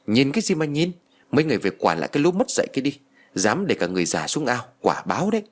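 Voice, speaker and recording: A man's voice: very animated, slightly rough. A man voicing a foul-mouthed old village woman who scolds and curses. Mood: defiant. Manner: shrill, scolding, cursing rapidly.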